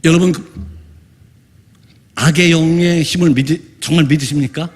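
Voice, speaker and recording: A man from Korea, a missionary pastor, preaching an evangelical sermon with testimony, fervent and emphatic and rising to shouts, in a church sanctuary. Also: fairly high pitch, steady tone, moderate pace. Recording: long church-hall reverb.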